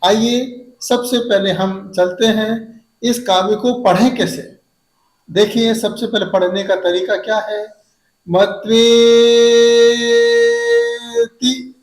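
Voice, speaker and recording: A man, a Jain monk, teaching how to recite a hymn, drawing out each verse syllable slowly and then explaining the pronunciation in quick asides. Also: high-pitched, fairly even intonation, echoey room, low-quality recording. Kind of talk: devotional recitation lesson.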